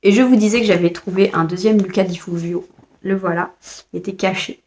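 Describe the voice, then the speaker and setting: Her medium-pitched voice is fairly even in intonation, fairly quick and darkish in tone, with slight background noise. She's a French book vlogger casually discussing books she bought, hesitating and restarting with frequent fillers.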